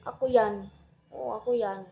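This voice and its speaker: Woman vlogger: high, unhurried, rambling casual chat full of giggles. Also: fairly even intonation, vocal fry, dull audio. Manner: giggly, rambling, mixes in English.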